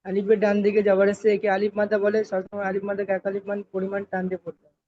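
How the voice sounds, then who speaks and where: A male student on an online class, reciting reading rules in a quick, even drone. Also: sits high. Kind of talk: reciting a lesson aloud. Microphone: video call. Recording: dull dry online call audio.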